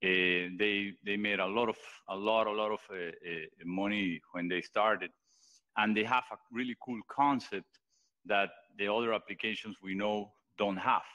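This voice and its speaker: A man's voice: lowish voice, steady tone, normal speed, bright, forceful tone, rough recording. A man presenting his post on a live voice chat, earnest and hesitant, with many fillers and restarts. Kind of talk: casual pitch on a live voice chat.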